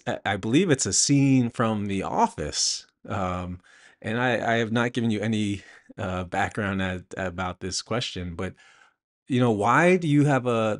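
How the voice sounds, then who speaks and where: A man with a fairly low voice answers interview questions conversationally as an author and host. He thinks aloud haltingly, saying "you know" a lot.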